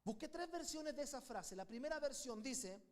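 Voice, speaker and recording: A man's voice: very high-pitched, lively intonation, normal speed. Chilean male pastor preaching fervently. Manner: fervent preaching with call-and-response to the congregation. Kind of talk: sermon.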